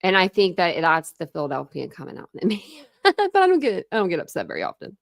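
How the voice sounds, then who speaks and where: A woman hosts a casual true crime livestream in a lowish voice marked by vocal fry and huge pitch swings, chatting with viewers and reading their comments. Her accent blends Midwest and Southern American, and she rambles with quick asides and laughs. The recording is studio quality with no echo.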